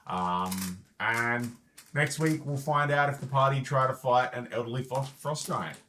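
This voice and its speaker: A man's voice: mid-range voice, measured pace, sharp tone, slight background noise. A man acting as game master, casual and joking as he narrates a tabletop game.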